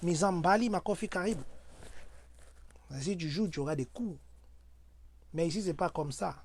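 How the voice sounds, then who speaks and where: A man, first language Swahili, advises his community on daily matters as a community advisor, earnestly and preachily, with loud exclamations punctuating his points. The voice is high-pitched at a normal speed, with slight background noise.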